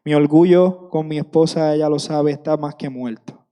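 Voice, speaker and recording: A man's voice: fairly high pitch, steady tone, moderate pace, mellow, smooth, big-room sound. A man in his thirties preaching a sermon with passion, repeating phrases for emphasis.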